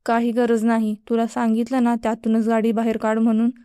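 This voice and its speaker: A woman's voice: on the high side, completely flat delivery, fairly quick, mellow, clean tone, no room sound, clean studio sound, lightly acted. A woman voicing a firm, matter-of-fact middle-aged mother.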